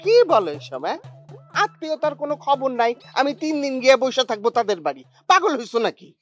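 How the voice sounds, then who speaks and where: An actress playing an exasperated, scolding older wife in a TV drama, in colloquial dialect. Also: female voice, high voice, big pitch swings, fast talker, a bit bright, no echo, dull audio, faint music behind, full character voice. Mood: indignant. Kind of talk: TV drama acting.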